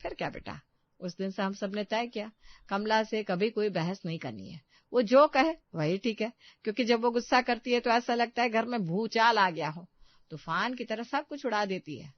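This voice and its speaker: A woman's voice: mid-range voice, moderate pace, no room sound, highs cut off, lightly acted. A woman doing a fussy old mother-in-law. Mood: coaxing. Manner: scolding yet affectionate.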